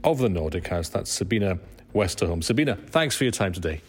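A man with a fairly low voice hosts a walking-tour radio interview. He leads with brisk, chatty questions and remarks. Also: expressive, slightly rough. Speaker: radio host.

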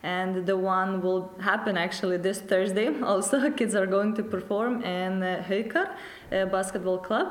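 A woman with a Lithuanian accent, a cheerleading coach answering interview questions, often pausing with fillers and "you know". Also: medium pitch, roomy sound. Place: dance studio.

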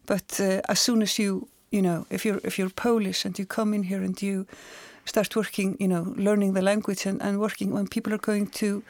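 A woman's voice: mid-range voice, little pitch movement, normal speed, few pauses, darkish tone, no room sound. A woman, an author and journalist, speaking thoughtfully in an interview and often repeating words as she searches for them. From Iceland. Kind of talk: conversational interview.

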